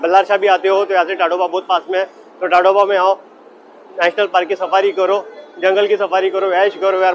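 A young man vlogging a train journey, talking loudly and excitedly to his viewers about the crowded coach. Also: on the high side, lo-fi sound. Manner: excited, loud, chatty, addresses viewers as guys. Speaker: travel vlogger. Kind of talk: casual running commentary. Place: crowded general coach of a train and station platforms. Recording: crowded train noise behind. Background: chatter of a packed crowd.

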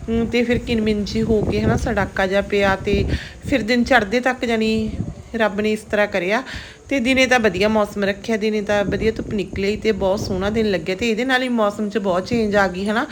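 A woman's voice: mid-range voice, fairly even intonation, a little fast, background noise. A middle-aged woman with a Punjabi accent narrates a casual home vlog in a chatty, homely way, often tagging her phrases with a small question. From Punjab, India. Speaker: family vlogger.

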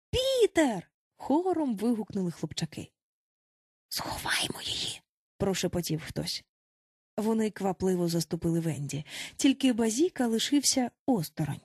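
A woman narrates a classic children's tale with plenty of expression. Her voice is on the high side and swings widely in pitch, with a husky, breathy grain. Soft music plays faintly behind her. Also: dry recording, clean studio sound. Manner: animated, voices each child in turn. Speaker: audiobook narrator.

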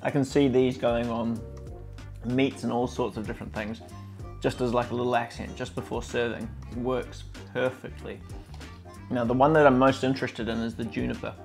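A man hosting a casual cooking vlog, tasting dishes and talking with relaxed enthusiasm and plenty of fillers. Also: mid-range voice, moderate pace, creaky, faint music behind. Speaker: cooking channel host.

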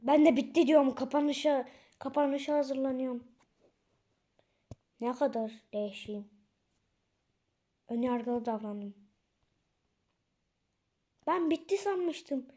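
A young woman chatting casually as she plays through an online obstacle game, talking to her viewers with excitable outbursts. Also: high-pitched, unhurried, long pauses. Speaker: gaming channel host.

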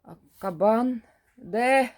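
A woman voicing a young man who talks in a pleading, excitable way. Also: fairly high pitch, extremely slow, pitched above the performer's own voice. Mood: exasperated. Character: scared, bruised young man, the storyteller.

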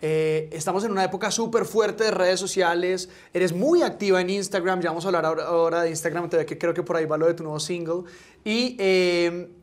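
A man's voice: high-pitched, fairly quick. A man, a radio host who interviews a guest with long, rambling questions full of asides.

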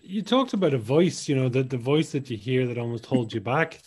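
A man's voice: medium pitch, expressive, a little fast, a little mellow, husky. A man hosting a podcast interview, chatty and jokey, asking his guest questions. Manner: chatty, jokey, acts out little quoted exchanges. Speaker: podcast host.

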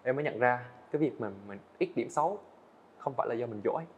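A student animator guest, a young adult man, gives casual interview answers in a middle-pitched voice with lively intonation. He's fast and earnest, restarting sentences often, and the slightly dull, lo-fi recording carries a faint hiss or hum, like a podcast studio.

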